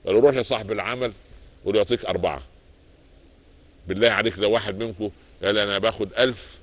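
A man with an Egyptian accent preaching a sermon, telling anecdotes in a lively storyteller's way and moving between everyday and formal speech. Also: deep voice. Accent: Egyptian Arabic.

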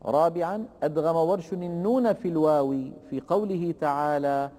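A man teaching Quran recitation rules, explaining slowly and deliberately and chanting the verse examples in a drawn-out way. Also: on the high side, warm tone, in a large hall. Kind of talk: tajweed lesson with recited examples.

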